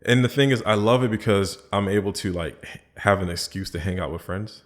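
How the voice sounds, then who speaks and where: A man born in the Bahamas and raised in the US speaks with an American accent as a guest on a podcast. His fairly low voice is brisk, and he chats in an easygoing, rambling way with many fillers and restarts.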